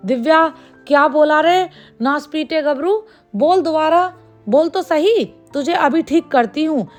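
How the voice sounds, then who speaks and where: A woman voicing a plain young village woman, emotional and pleading, quick to anger. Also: high-pitched, soft background music. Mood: angry.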